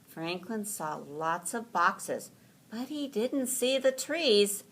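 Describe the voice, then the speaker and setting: A woman reading a children's story aloud in an animated, deliberate storytelling manner. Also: medium pitch.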